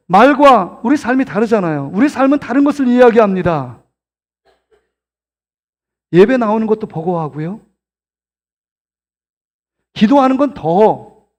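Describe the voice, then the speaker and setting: High-voiced pastor preaching in a reverberant hall. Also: male voice. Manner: earnest, exhorting the congregation with direct questions; acts out quoted dialogue in a lively voice. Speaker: senior pastor. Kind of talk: sermon. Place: church sanctuary. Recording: long hall reverb of a church.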